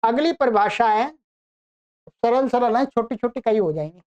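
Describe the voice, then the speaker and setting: A woman teaching Sanskrit grammar in an online lecture. She reads Sanskrit lines slowly and then explains them in Hindi. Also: on the high side, a little mellow, muffled recording.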